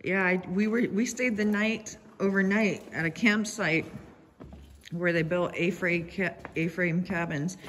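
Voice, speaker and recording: A woman's voice: lowish voice, fairly even intonation, unhurried, a bit bright. A woman visiting on a tour, chatting casually and recounting things in plain everyday words. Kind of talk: casual chat. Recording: faint background noise.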